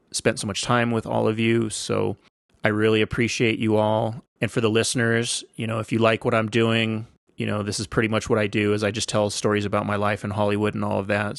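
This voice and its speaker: A man's voice: on the low side, gravelly, dry recording, clean studio sound. A man in his forties hosting a podcast, telling casual stories in a laid-back, slangy, rambling way. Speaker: podcast host. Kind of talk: casual storytelling monologue.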